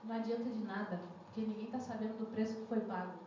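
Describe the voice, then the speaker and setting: Speaking quickly in a steady, mid-range voice, a young woman delivers a chatty church sermon and keeps questioning her congregation. Background noise is heavy, and the echoey hall leaves the audio muffled and lo-fi.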